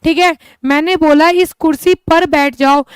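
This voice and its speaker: High-voiced woman teaching English. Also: steady tone, normal speed, no room sound. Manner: encouraging, asks and answers own questions; addresses students as children. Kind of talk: online class lesson.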